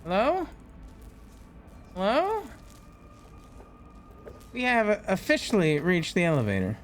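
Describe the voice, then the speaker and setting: A man streams a video game with casual, playful commentary. His voice runs high and moves around in a lively way, with clear game noise and gunfire behind it. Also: slow. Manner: playful, chatting to viewers. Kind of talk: casual live gameplay commentary.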